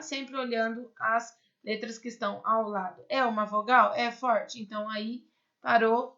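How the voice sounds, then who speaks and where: Teaching a Spanish class in a recorded online session, a Brazilian woman explains patiently step by step and keeps checking in with students through "certo?", "né?" and rhetorical questions. Her voice is on the high side, bright and forceful, and the sound quality is lo-fi.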